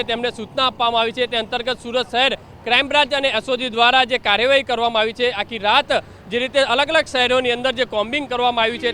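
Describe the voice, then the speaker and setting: A man reporting live from the city for a news channel, speaking formally and pausing over lists of places. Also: very high-pitched, bright, forceful tone, slight background noise. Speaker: field reporter.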